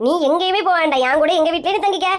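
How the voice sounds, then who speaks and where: A woman's voice: very high-pitched, racing. A woman with a Kanyakumari Tamil accent, acting a bossy, scolding elder sister in a comedy sketch. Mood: chatty.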